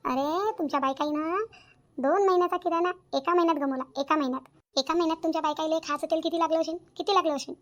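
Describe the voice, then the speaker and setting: Woman doing a nagging cartoon mother-in-law, high and fast, repeats herself. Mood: indignant. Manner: scolding, repetitive. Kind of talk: cartoon comedy voice acting.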